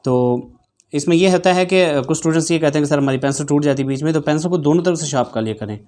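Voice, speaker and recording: A shorthand teacher with a voice pitched a bit above the usual for a man. He reads out news sentences phrase by phrase, naming each comma and full stop, then talks briskly and plainly to his students about how to practise. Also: a little mellow. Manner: dictates very slowly, one phrase at a time; brisk, instructive talk to students. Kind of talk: slow word-by-word dictation with spoken punctuation, then teaching talk.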